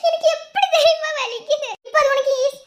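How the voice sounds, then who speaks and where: A woman voicing a fiery, emotional young woman in a cartoon, speaking with a Madurai Tamil accent and scolding through tears. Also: brisk. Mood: hurt scolding. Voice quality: very high, squeaky cartoon voice. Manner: teary, scolding, sulky. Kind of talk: animated cartoon dialogue.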